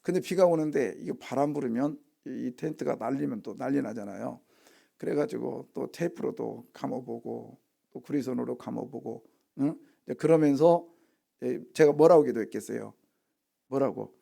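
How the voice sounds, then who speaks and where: A man's voice: medium pitch, moderate pace, creaky, mellow. A male pastor giving an early morning sermon in a conversational way, asking the congregation questions and acting out the voices he quotes.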